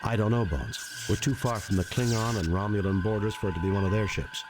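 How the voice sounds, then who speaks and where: An actor playing a decisive, confident starship captain in a video game, with a deliberate, commanding delivery. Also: male voice, lowish voice, noisy background, close to an everyday voice. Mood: grave, steady.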